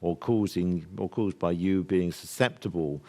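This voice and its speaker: An older man from the UK speaks to a live workshop audience in a somewhat low voice. He is earnest and emphatic, and he rambles, restarts and laughs along the way. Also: unhurried, dark tone. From United Kingdom.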